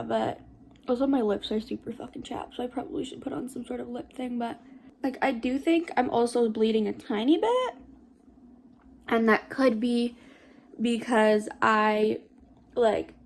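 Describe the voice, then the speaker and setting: A woman's voice: fairly high pitch, a little mellow, slight background noise. A young adult woman giving a casual vlog update in an informal, rambling and hesitant way. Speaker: vlogger.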